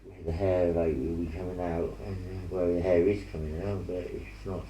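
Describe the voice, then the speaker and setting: A man hosting a painting ASMR video, mumbling and rambling softly while he paints, speaking into an earpiece mic. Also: sits low, flat delivery, moderate pace, slight background noise. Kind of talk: soft-spoken casual chat while painting. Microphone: earpiece headset mic. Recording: roomy with faint ambience.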